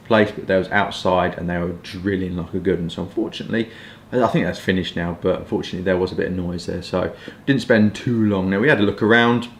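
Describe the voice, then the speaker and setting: A low-voiced man in his twenties with a southern English accent from the southeast reviews pipes and cigars in casual, rambling chat laced with hedges. He's indoors in a small furnished room at home, and the recording carries roomy echo and some background noise.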